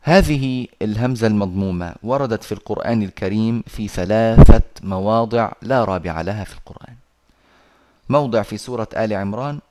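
A man teaching Quran recitation over a video call, patiently explaining and slowly reciting verses. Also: fairly low pitch, warm tone, slight background noise.

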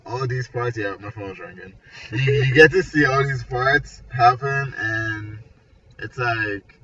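A Nigerian architecture graduate in his twenties takes his time, his medium-pitched voice pushed, bright and slightly rough, as he talks casually about his background and creative projects, often saying "like" and "you know." The recording is muffled from a distant mic, with noisy ambience.

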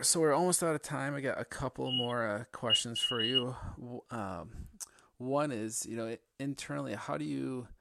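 A man's voice: on the low side, vocal fry, a bit bright, no room sound. A man hosting an interview, asking casual, rambling questions with many fillers. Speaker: interview host.

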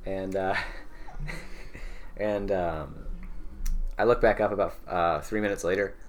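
A man's voice: low-pitched, steady tone, takes it slowly. A young man co-hosting a casual podcast, telling a childhood story and breaking into laughter often. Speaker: podcast co-host. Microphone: shared podcast mic.

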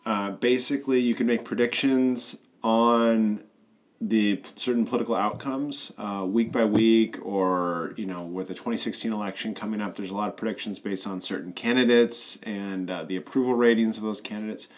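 A man's voice: lowish voice, steady tone, moderate pace. A man hosting his own podcast, introducing an interview and asking questions in a casual way full of fillers. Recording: music bed under the intro.

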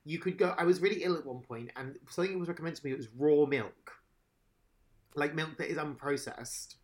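A man in casual podcast chat, rambling and animated, swearing now and then. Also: on the high side, fairly quick.

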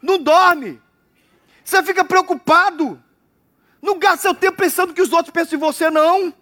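A man from Brazil preaching a lively sermon, acting out the voices in the story. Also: very high voice, normal speed. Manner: animated, acts out characters in quotes. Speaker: pastor. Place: church abroad.

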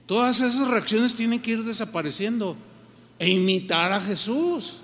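A man preaches in a fairly high voice, his lively delivery slipping into little acted-out reactions. His sermon rings with a long tail of reverb from a large hall. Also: normal speed. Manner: animated, acts out quoted reactions. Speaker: pastor.

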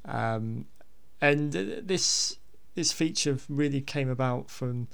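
A man's voice: medium pitch, slow pace, creaky, fairly bright tone, clear, resonant tone. A man hosting a podcast, talking casually and unscripted in a hesitant, rambling way with repeated words. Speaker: podcast host.

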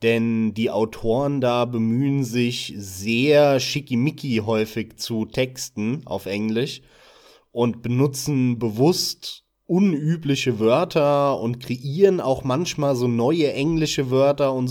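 A German-speaking man co-hosts a podcast, chatting about gaming websites in a relaxed, casual way with a few filler sounds. His voice is mid-range and his pace slow.

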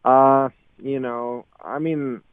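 A young man from the Czech Republic with a Czech accent, a guest on a call-in radio interview, answering in halting English full of fillers. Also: medium pitch, fairly even intonation, clear, resonant tone, dry recording. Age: young adult. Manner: halting, filler-heavy non-native English. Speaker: guest athlete. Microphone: phone. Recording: dry tinny phone line.

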